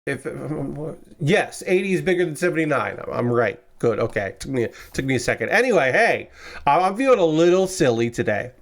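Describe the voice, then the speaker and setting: A young man chats casually with his livestream viewers while building model kits, rambling and correcting himself. His gravelly voice is on the high side, very animated and fairly quick, slightly congested as he recovers from a cold, in his room with the window open.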